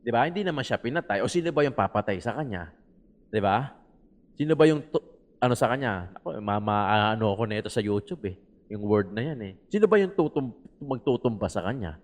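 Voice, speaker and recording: A man's voice: fairly low pitch, lively intonation, fairly quick. A man with a Filipino accent giving casual political commentary, rambling and switching between Tagalog and English, often asking "di ba?". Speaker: political vlogger.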